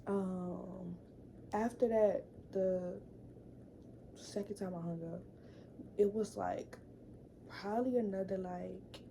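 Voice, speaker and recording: A woman's voice: medium pitch, steady tone, slow pace, vocal fry, long pauses, mellow, slight background noise, poor audio. A young woman telling a casual storytime vlog story, chatty, full of fillers and repeated words. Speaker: vlogger.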